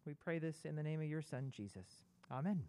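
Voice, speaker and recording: Smooth-voiced minister, a man, leading prayer. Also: on the high side, lively intonation, a little fast, dark tone. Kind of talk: spoken prayer and welcome.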